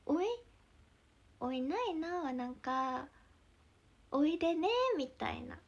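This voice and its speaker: A young woman with a Mie dialect accent, chatting casually on a livestream, giggling often and sometimes dropping into soft whispers. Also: sits high, slow pace, gravelly, highs cut off. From Mie Prefecture, Japan. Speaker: idol livestreamer.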